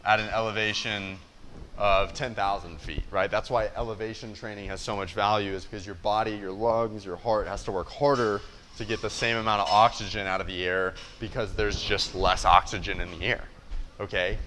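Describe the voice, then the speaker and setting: A man's voice: on the low side, steady tone, normal speed, sharp tone, a little hiss or hum. A young American man giving a casual, blunt explainer as a fitness coach, often checking in with listeners. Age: young adult. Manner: blunt, conversational, with rhetorical check-ins. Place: indoor gym space.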